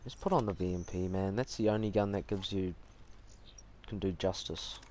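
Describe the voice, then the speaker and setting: Low-voiced Kiwi gamer guy with background noise. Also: steady tone, normal speed, darkish tone. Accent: New Zealand. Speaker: gaming streamer. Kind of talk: casual live gameplay commentary. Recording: noisy home gaming mic.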